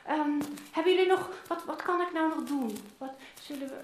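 Woman voicing fond old father in a kids' Bible role-play, high lively voice, roomy echo. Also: moderate pace, a little hiss or hum, close to an everyday voice. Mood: coaxing. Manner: animated, coaxing, talks to the children. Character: loving older father longing for lost son. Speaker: children's Bible teacher. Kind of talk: interactive Bible story role-play for children. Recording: roomy echoing room.

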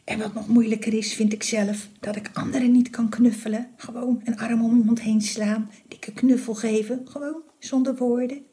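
A woman giving a morning devotional in a soft, gentle voice that often drops to a half-whisper. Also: a little high, fairly even intonation, moderate pace, hardly any pauses. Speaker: devotional speaker.

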